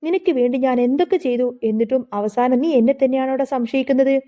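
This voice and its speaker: A sharp-tongued, scheming middle-aged mother, scolding and scornful, read out by a woman narrator. High pitched and mellow in tone. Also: a little fast, lightly acted.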